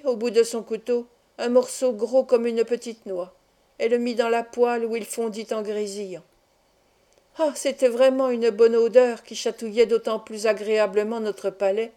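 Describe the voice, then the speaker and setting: A woman reading a classic novel aloud as an audiobook, in steady, measured storytelling. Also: on the high side. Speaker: audiobook reader. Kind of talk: scripted narration of a novel.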